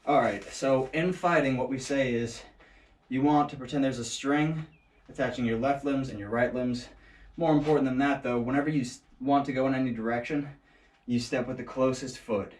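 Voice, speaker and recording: A man with a mid-range, darkish voice talks a bit quickly and keeps his intonation fairly even while running a casual martial arts lesson, joking and thinking aloud as he demonstrates. An action camera placed some distance away in an indoor training space picks him up, so the room sounds echoey with faint noise underneath.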